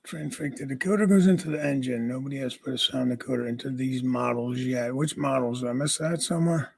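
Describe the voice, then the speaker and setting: Greeting viewers by name, a livestream host chats casually from his home. His raspy voice is mid-range and fairly quick.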